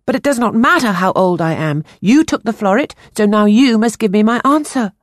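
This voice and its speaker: A woman voicing an earnest, solemn ten-year-old boy who speaks in a high, urgent way. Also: lively intonation, fairly quick, no echo, clean studio sound, close to an everyday voice.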